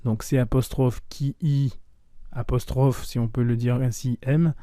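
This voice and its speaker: A man gives a casual spoken French lesson with a very dark, mellow voice. He says each phrase carefully, then repeats it in its quick, clipped everyday form. The sound is dry and close. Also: mid-range voice, fairly even intonation, no room sound. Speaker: French teacher.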